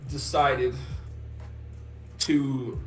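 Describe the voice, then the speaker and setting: Relaxed sports podcast guy, roomy sound. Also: mid-range voice, extremely slow. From Texas. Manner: relaxed, rambling with fillers. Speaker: podcast co-host. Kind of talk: casual sports chat. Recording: roomy sound from off mic, music underneath.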